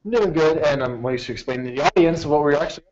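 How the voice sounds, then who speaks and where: A man's voice: fairly high pitch, fast talker, background noise. A young man casually introducing a comedy skit to the audience at home, on a dull lo-fi recording. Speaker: student skit performer.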